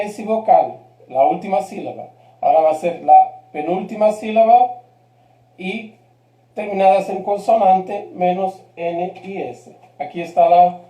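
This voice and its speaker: A man's voice: high voice, warm tone, reverberant. A man teaching a live grammar lesson, patient and checking in often with his class. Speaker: Spanish teacher.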